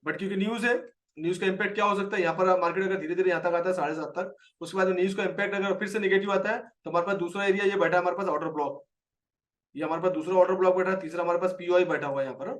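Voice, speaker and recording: Indian man, trading teacher, quick delivery, high voice, slightly distant mic. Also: fairly even intonation, a bit bright. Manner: explains a chart, quizzes viewers by name. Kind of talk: live market lesson.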